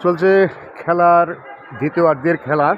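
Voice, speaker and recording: A Bangladeshi man presents a football match live from an outdoor field. His fairly high voice moves in halting phrases, slightly muffled, with a crowd clearly behind him. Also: steady tone, a little hiss or hum. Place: outdoor school and college field.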